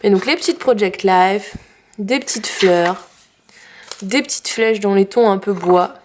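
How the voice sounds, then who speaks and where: A woman's voice: medium pitch, a little slow, a little hiss or hum. A woman with a French accent showing her craft purchases in a casual, chatty way with many fillers. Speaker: craft vlogger. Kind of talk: casual haul video.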